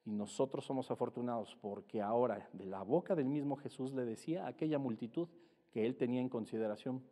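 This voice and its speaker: A man preaching a sermon, explaining Bible words slowly and rising in pitch and volume to stress his points. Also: mellow. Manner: explains Greek words slowly, spelling them out. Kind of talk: sermon teaching. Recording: long reverb hall.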